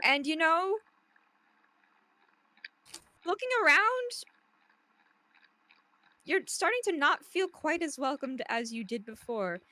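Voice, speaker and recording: A woman narrating as game master of a tabletop game, lively and playful, laughing now and then. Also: high voice, slow, pauses often, no echo, rough recording.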